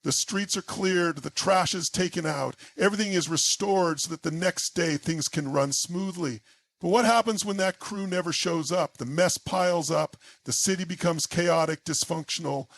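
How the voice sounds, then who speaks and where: A man delivers a dramatic motivational speech in short, punchy, emphatic bursts. His voice sits high and carries a gravelly rasp. The recording is dry and close, with no room sound. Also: moderate pace, a bit bright, no echo. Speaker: motivational speaker.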